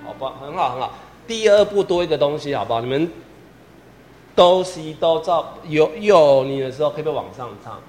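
His voice is fairly high, expressive, a little mellow, and a touch fast as he directs a choir rehearsal. Patiently, he repeats instructions, sings example lines, and counts the singers in. The recording carries long hall reverb with piano accompaniment in the background.

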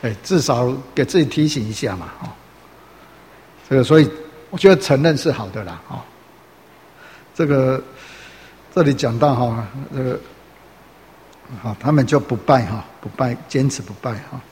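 A man's voice: mid-range voice, animated, moderate pace, long pauses, darkish tone. A man preaching a sermon in a loose, chatty way, full of filler particles and rhetorical questions to the congregation. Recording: roomy hall reverb, faint noise.

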